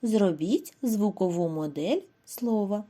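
A Ukrainian woman teacher giving a scripted lesson to young children, in a slow, clear, sing-song way. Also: medium pitch, animated, warm tone. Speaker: primary school teacher.

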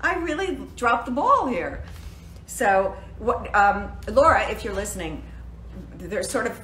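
A woman's voice: mid-range voice, very animated, measured pace, fairly bright tone, slight background noise. A woman in her sixties chatting and joking on a phone livestream from her living room. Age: 60s. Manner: chatty, self-deprecating, joking. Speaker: actress hosting a birthday fundraiser livestream. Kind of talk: casual livestream chat. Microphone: phone at arm's length. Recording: roomy home phone recording.

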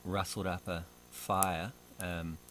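A man's voice: sits low, little pitch movement, slow pace, a bit bright, a little hiss or hum. A young man chatting at a forest campsite in a laid-back, wry way. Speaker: landowner and hunting companion. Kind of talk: casual chat.

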